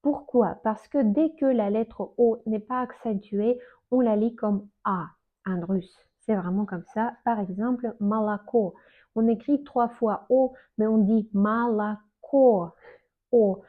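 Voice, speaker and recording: A woman explains things in a casual video lesson, slowly and hesitantly, with many fillers and restarts. Her voice is narrow and tinny, as if heard over a phone line. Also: a little high. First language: Russian. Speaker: Russian teacher.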